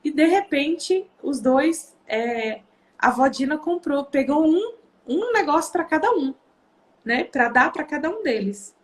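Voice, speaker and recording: Animated Brazilian woman telling family stories. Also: high-pitched, unhurried. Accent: Brazilian Portuguese. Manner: animated, acts out quoted voices of her children. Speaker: parenting video host. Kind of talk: casual storytelling to viewers.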